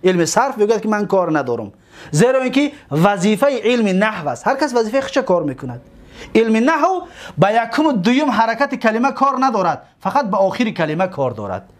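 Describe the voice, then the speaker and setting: A man with a Tajik accent leads a grammar lesson, asking his students questions and answering them himself. His voice sits high and swings widely up and down, and he slows right down to stretch out the words he drills. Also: sing-song. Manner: drawn-out slow repetitions of words, questions to students. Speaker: religious school teacher.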